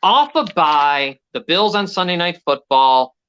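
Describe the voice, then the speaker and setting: A man's voice: a little high, sing-song, a little slow, fairly bright tone, clear, resonant tone, dull audio. A man co-hosting a sports betting show, rambling through game picks in casual chat and swearing now and then. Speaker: sports betting podcast co-host.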